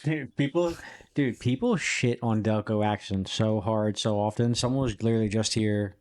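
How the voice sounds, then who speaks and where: A man's voice: on the low side, moderate pace, darkish tone. A young man chatting casually on a podcast, blunt and slangy, often repeating himself in short bursts.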